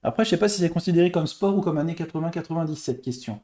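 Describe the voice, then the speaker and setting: A man's voice: on the high side, animated, rapid-fire, mellow. A man hosting a live stream, chatting casually with viewers and thinking aloud while he plays quiz games. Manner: chatty, greets and thanks viewers, thinks aloud over answers.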